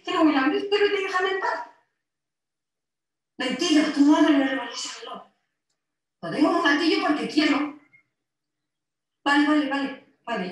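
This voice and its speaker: An actress voices a harassed woman from Spain, tense and pleading as she argues with her ex through the intercom. Her voice sits high. The clip is played back from a distance, echoing heavily through a large hall. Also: close to an everyday voice. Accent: Spain Spanish. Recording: echoey distant playback in a hall.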